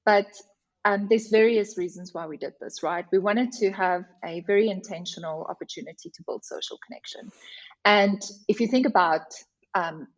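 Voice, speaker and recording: A woman's voice: mid-range voice, normal speed. South African woman, slightly muffled recording. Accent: South African (Afrikaans). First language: Afrikaans. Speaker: company representative, interview guest. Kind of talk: conversational podcast interview answers.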